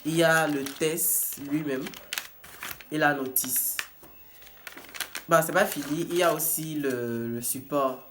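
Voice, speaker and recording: A man's voice: on the high side, fairly even intonation, takes it slowly, pauses often, background noise. A man who works as a peer educator in prevention, casually walking viewers through a test kit and often stopping to restart and repeat his words. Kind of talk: casual hands-on product demonstration.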